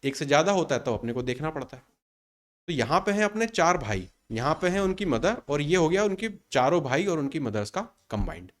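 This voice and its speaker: A man in his thirties teaches an exam-prep maths lesson in Hindi sprinkled with English terms, speaking with an Indian Hindi accent. His voice sits fairly high, swings widely in pitch, and moves a little fast as he works step by step and answers his own questions.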